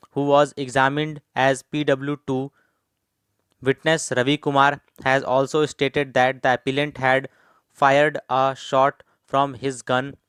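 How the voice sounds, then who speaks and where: Indian guy dictating legal stuff for shorthand practice, steady phrases, clean smooth voice, really dry close sound. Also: mid-range voice, no room sound. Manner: dictating in deliberate, evenly timed phrases. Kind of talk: dictating formal legal text at a steady measured speed.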